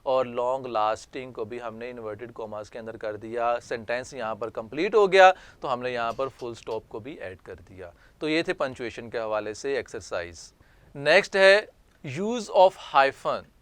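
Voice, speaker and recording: A male teacher with a Pakistani accent giving an online lecture, explaining in Urdu and reading English sentences slowly and deliberately. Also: mid-range voice, no echo.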